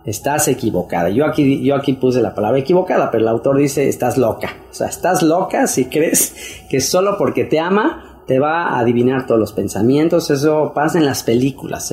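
Chatty man preaching with many fillers. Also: darkish tone. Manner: conversational, with fillers and repeated phrases; acts out quoted wives in a higher voice. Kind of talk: casual sermon.

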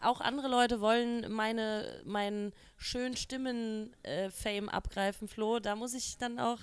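A woman's voice: fairly high pitch, fairly even intonation, measured pace, clean tone. A woman guest on a video call, chatting playfully with mock drama. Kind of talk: casual chat.

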